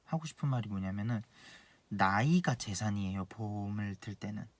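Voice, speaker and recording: A man's voice: lowish voice, lively intonation, moderate pace, dry recording. A man in his late twenties, an insurance planner, giving blunt, earnest advice in a casual monologue and repeating his key points. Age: 20s.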